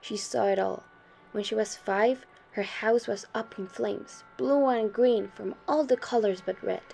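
A young woman reads a short story aloud in a mellow, warm tone, keeping a steady storytelling pace. Soft music plays faintly underneath her reading. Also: medium pitch, measured pace, gravelly. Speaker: student reader.

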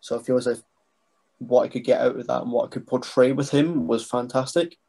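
Young dude on a video call, gravelly voice, keeps restarting his sentences. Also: medium pitch, fairly even intonation, a little fast. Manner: soft-spoken, hesitant with many restarts. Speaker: guest, wrestling writer and trainee. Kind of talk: casual interview over video call. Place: small bedroom indoors. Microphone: webcam mic on video call.

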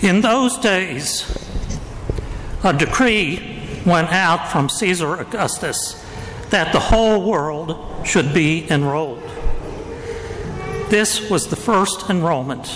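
A man proclaiming a gospel reading at Mass, measured and solemn, his voice carried by a cathedral echo. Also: a little high, a bit bright. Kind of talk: liturgical scripture reading. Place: large church. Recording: long church reverb, faint background noise.

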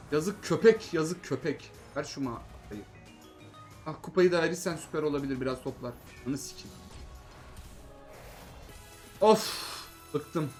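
A man commenting live on a slot game, swearing constantly and swinging between fed-up groaning and excited shouting. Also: fairly high pitch. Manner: swears constantly, groans and exclaims at each spin.

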